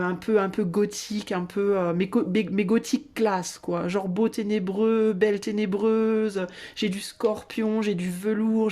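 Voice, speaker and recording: A woman's voice: mid-range voice, darkish tone. A woman giving a casual tarot reading to her viewers, chatty and slangy, with many hesitations. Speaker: tarot reader.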